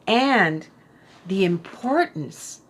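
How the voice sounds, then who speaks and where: A middle-aged woman giving a casual book review, thoughtful and unhurried, with frequent fillers and restarts. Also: medium pitch, expressive. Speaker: book vlogger.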